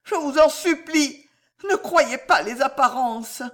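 A woman's voice: high-pitched, slow, a bit bright, pitched above the performer's own voice. A man voicing a frightened young wife accused of poisoning, trembling and pleading in a storybook reading. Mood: terrified.

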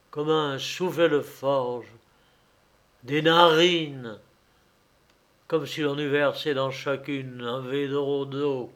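A man narrating a folk tale in slow, expressive storytelling. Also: on the high side.

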